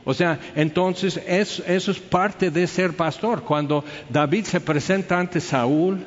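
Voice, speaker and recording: A man with a Mexican accent preaching a sermon, animated, firing off rhetorical questions and acting out the people he quotes. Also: high-pitched, takes it slowly. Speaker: pastor. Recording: echoey hall, dull lo-fi sound.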